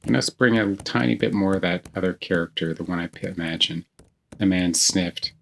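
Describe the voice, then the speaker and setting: Male writing tutor, lowish voice, reads examples then explains. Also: steady tone, normal speed, vocal fry, a bit bright. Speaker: writing instructor.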